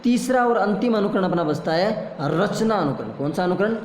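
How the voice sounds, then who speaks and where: A man's voice: high-pitched, animated, normal speed, a little hiss or hum. A man teaching a classroom lesson, asking questions and answering them himself, heard in an echoey room a long reverb. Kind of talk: classroom lecture.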